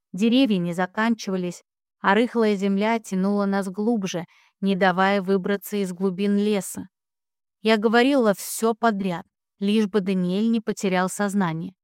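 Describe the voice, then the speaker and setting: A woman narrates a romance audiobook in the first person, her voice smooth and resonant. The recording is dry and close, with no room sound. Her telling stays steady and even. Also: medium pitch, normal speed, no echo.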